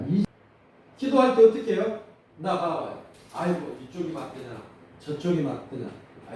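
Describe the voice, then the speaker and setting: A male pastor with a Jeolla accent preaching a sermon, animated and calling out questions to his congregation. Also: on the high side, a little hiss or hum. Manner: animated, calls for congregation responses. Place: church sanctuary. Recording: distant mic in echoey church hall.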